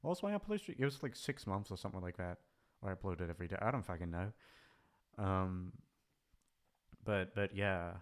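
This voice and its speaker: A man's voice that sits low comes across animated and a little fast, with frequent pauses. He's an audio channel creator and voice actor doing an unscripted, casual farewell vlog, rambling, hesitant, and self-deprecating as he thinks aloud.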